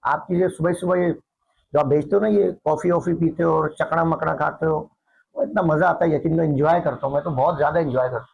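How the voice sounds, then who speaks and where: A man's voice: a little high, steady tone, a little fast, vocal fry, darkish tone, rough recording. A middle-aged man delivering a sarcastic, taunting political monologue straight to his viewers. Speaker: political commentator. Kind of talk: mocking monologue to camera.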